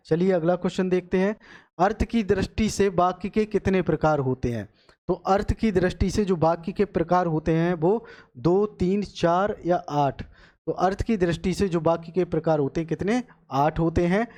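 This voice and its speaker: Hindi teacher, man, slightly high voice. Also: darkish tone. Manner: explains step by step, repeats answers, asks and answers his own questions. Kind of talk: exam-prep lecture.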